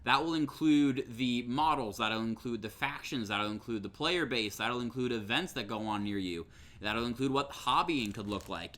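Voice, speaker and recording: A man casually presenting tabletop wargame products, animated and often laughing between points. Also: mid-range voice. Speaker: co-host.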